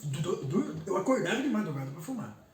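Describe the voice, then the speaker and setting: A man's voice: sits high, very animated, brisk. Emphatic man, distant and echoey. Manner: emphatic, repeats words for weight. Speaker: pastor giving his testimony. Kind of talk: emotional personal testimony. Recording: roomy echo, distant mic, faint background noise.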